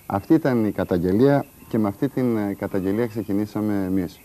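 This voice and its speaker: A man hosting a TV show, presenting in a measured way with filler pauses. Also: lowish voice, dark tone. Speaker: TV show host. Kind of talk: broadcast presenting.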